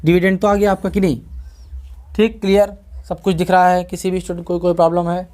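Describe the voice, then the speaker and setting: A man's voice: sits high, level tone, brisk, a little mellow. Hindi-speaking North Indian man teaching math. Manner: checks in with students often, asks and answers his own questions. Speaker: math tutor. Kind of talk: classroom math lecture.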